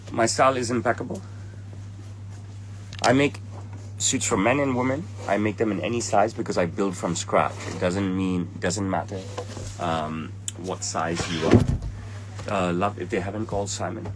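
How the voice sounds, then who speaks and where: There's background noise as a fairly low-voiced man in his forties, a tailor with a Hong Kong English accent, responds to his livestream audience. He is blunt and impatient, swearing at commenters. Behind him, the indoor room displays trophies.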